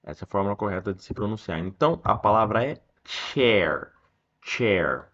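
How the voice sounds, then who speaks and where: A man with a Brazilian accent teaching English, explaining a text line by line and reading the English sentences slowly. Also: lowish voice, animated, a bit bright, lo-fi sound. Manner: slows down to read English sentences aloud.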